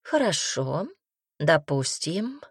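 An imperious duchess who drags her words out and presses every point, as a woman reader puts her on. She sits a little below the reader's usual pitch and gets loud with alarm. The audiobook sound is dry and close. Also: very animated, slow, breathy edge, no echo, heavily acted. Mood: probing. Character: imperious duchess, middle-aged woman, emphatic and pushy. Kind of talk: audiobook character reading.

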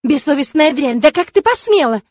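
A woman's voice: high-pitched, expressive, brisk, no room sound, clean studio sound, pitched above the performer's own voice. A woman voicing a spiteful, screeching middle-aged nun who scolds with venom. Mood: furious.

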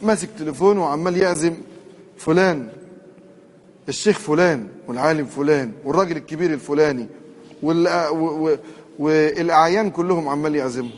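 Egyptian male preacher, rapid and lively, quizzing the congregation; slightly high pitch. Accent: Egyptian Arabic. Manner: lively, quizzes the audience with questions. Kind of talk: colloquial sermon.

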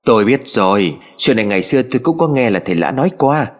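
A man's voice: mid-range voice, sing-song, fast talker, natural voice. A man voicing a worried middle-aged village husband who explains things hesitantly and uneasily.

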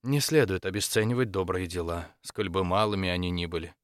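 A man voicing a composed, patient female church dean in an audiobook, speaking in a measured and polite way. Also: sits low, no room sound, studio quality, voice pushed down, close to an everyday voice. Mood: calm.

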